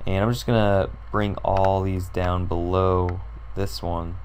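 Slow and flat in delivery, a young tutorial creator with a sore, hoarse throat and a deep, low voice narrates a computer design tutorial. He clicks along while rambling and musing aloud, peppered with ums and uhs, as a faint hiss sits beneath the recording.

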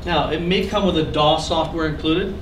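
His voice sits a little high with a steady tone and normal speed: a man in his thirties teaching a live recording workshop to a seated audience in a small classroom. Chatty and joking, he gestures while explaining gear, heard from far off through a camera at the back, with echo and noise.

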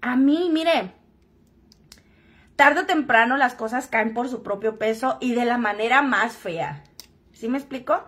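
A woman's voice: fairly high pitch, unhurried, pauses often, a bit bright. A woman telling a personal story to camera in a frank, joking, crude-spoken way. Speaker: vlogger.

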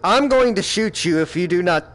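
A man's voice: sits high, expressive, moderate pace, a bit bright, faint music behind. A man playing a villain boss in a comedic gaming session, talking in a mock-stern, exasperated way. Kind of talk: comedic gaming role-play.

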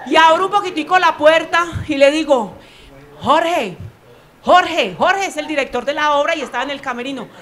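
A young Colombian woman tells a stand-up story in a high voice. She acts out the other people's voices with animated energy and laughs along as she goes. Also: fast talker, few pauses. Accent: Colombian Spanish. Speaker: stand-up comedian.

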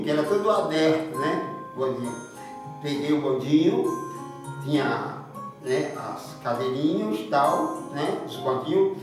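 A man in his seventies with a Northeastern Brazilian accent from Paraíba, earnestly recounting his life story in a rambling, emotional way. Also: fairly high pitch. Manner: rambling, earnest, with frequent "né?" asides. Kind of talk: slow, emotional spoken memoir. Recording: echoey room, distant mic, guitar music. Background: guitar music.

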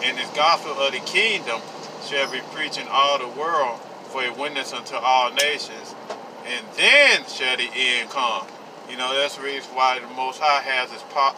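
A man giving an informal sermon from inside a moving vehicle, halting and full of fillers and restarts, recorded on a phone on the dashboard. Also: medium pitch. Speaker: street preacher. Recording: loud road and engine noise in a car.

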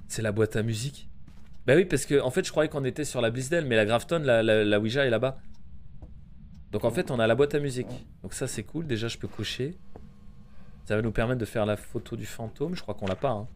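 A man in his thirties doing casual live horror-game commentary as a streamer, excitable and jumpy, swearing freely. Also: fairly quick, a little hiss or hum. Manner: excitable, jumpy, swearing, bursting into high shouts. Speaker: video game livestreamer. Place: indoors at a home streaming setup.

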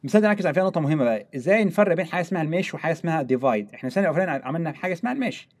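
A young man with an Egyptian Arabic accent, teaching a screen-recorded software lesson step by step and mixing in English technical terms. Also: on the high side, lively intonation, racing. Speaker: software tutorial instructor.

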